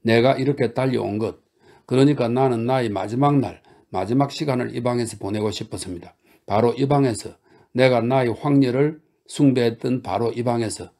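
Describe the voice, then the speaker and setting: A man reading a novel aloud, voicing a reckless young man who shouts grand, breathless declarations. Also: mid-range voice, moderate pace, natural voice. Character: reckless, overwrought young man making wild speeches. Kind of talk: audiobook character reading.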